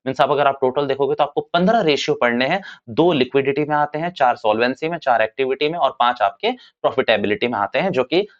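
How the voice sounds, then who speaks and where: Speaking fast with few pauses, a man with a mid-range voice teaches commerce to students in an informal classroom talk. He chats, says "bhaiya" to them, and repeats points, and the recording sounds dull and lo-fi.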